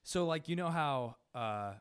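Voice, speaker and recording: Halting man with a Pittsburgh accent. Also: on the high side, animated, smooth. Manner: halting, many restarts and fillers. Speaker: podcast guest. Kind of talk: casual chat.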